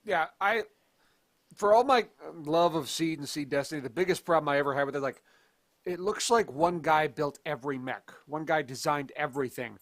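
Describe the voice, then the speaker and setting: A man with a somewhat high voice chats on a podcast, emphatic and playful. The recording is dry and close, with no room sound. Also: a bit bright, no echo. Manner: emphatic, joking, quick to laugh. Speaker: podcast co-host. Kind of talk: casual chat.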